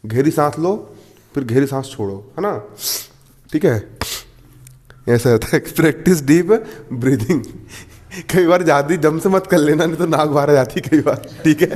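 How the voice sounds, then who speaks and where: A man's voice: fairly high pitch, normal speed, long pauses, darkish tone, long reverb tail. A man teaching a class in a chatty, laughing way, often asking his students if they follow. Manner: chatty, laughs often, repeats "theek hai". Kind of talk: classroom lecture.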